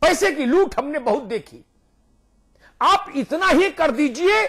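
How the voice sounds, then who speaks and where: A man's voice: very high voice, expressive, takes it slowly, a bit bright. A man speaking as a guest on a TV news debate, emphatic and rhetorical, repeating his points for force. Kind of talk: heated TV debate argument.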